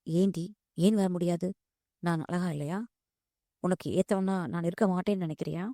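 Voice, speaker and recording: A woman's voice: on the low side, steady tone, normal speed, warm tone, no room sound, studio quality, lightly acted. A woman voicing a wealthy, insistent young man who pleads and scolds in turn. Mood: indignant. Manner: pleading then scolding, calls her "di".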